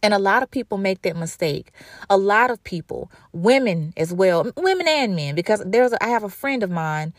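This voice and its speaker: A woman's voice: mid-range voice, animated, moderate pace, dry recording, clean studio sound. A woman in her thirties hosting her own talk show, speaking candidly and emphatically, often repeating phrases for stress. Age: 30s. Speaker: show host. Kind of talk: casual monologue.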